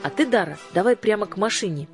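A quick-witted, brave young girl, voiced by a woman narrator, laying out a plan in a bright, raised, girlish voice. She sounds eager and persuasive, with soft music faintly underneath. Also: mid-range voice, lively intonation, voice pushed up, lightly acted.

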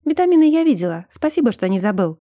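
A woman voicing a stubborn young woman turning into a vampire, sharp and defiant, in an audiobook. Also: fairly high pitch, very animated, fast talker, no echo, studio quality. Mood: quiet earnest.

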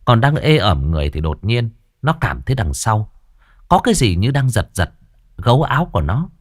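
Low-voiced, animated storyteller man. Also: normal speed, dry recording. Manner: expressive storytelling. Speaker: narrator. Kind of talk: ghost story narration.

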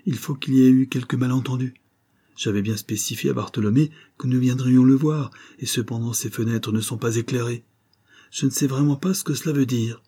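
A man voicing an uneasy, fussy gentleman who speaks nervously and with perplexity, in an audiobook reading. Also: mid-range voice, fairly even intonation, brisk, husky. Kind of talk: audiobook character voice.

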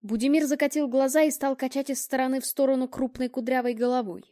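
A woman with a fairly high voice reads a novel aloud in a measured, even way. Her delivery is scripted storytelling, close to the microphone. The sound is dry, with no room around it. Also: dry recording. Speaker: audiobook narrator. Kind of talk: scripted narration.

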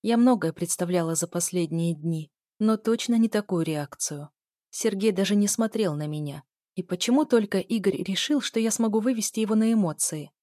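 A woman narrating a novel in the first person, in a calm, even reading voice on a close mic. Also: mid-range voice, moderate pace, no echo. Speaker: audiobook narrator.

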